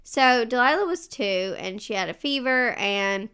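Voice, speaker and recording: A young woman co-hosting a podcast, chatting casually and acting out her toddler's voice in high squeals as she tells family stories. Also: lively intonation, measured pace, pushed and bright, smooth. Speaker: podcast co-host. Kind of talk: casual chat.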